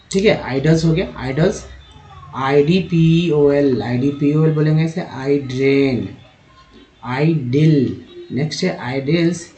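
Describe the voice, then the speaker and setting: A man's voice: fairly high pitch, dark tone. Man teaching in an echoey room. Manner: spells out letters and sounds words out slowly. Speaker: English reading teacher. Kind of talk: teaching lesson, reading words off slides.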